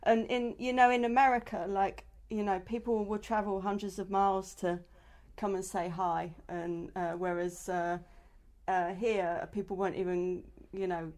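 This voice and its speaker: A woman's voice: medium pitch, level tone, measured pace, darkish tone. A woman from England with a London accent, chatting casually and teasing with brief replies. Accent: London English. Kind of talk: casual chat.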